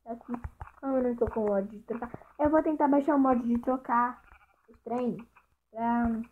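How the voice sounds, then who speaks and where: A woman's voice: on the high side, steady tone, normal speed. Chatty mineira woman narrating gameplay. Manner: chatty, talks to the animals and viewers as she plays. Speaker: gaming channel host. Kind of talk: casual Minecraft gameplay commentary. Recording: tinny lo-fi mic with faint hiss.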